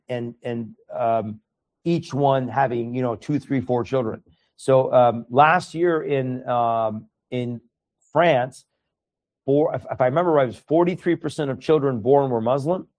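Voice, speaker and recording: This is a man from Iran, a native Farsi speaker, talking as an interview guest at an ordinary mid-range pitch. He speaks earnestly and tends to stumble and repeat words at the start of phrases. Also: a little mellow. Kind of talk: conversational interview.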